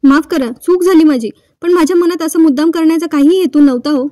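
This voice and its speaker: A woman voicing a meek young woman from a TV serial who pleads and apologizes softly. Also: high voice, quick pace, no echo, studio quality, natural voice. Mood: pleading, apologetic.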